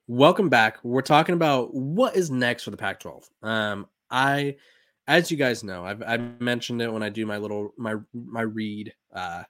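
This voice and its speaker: A man's voice: mid-range voice, unhurried, fairly bright tone, dry recording. Young man, sports podcast host, casual rambling commentary, dry room. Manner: rambling, filler-heavy, many "um"s and restarts.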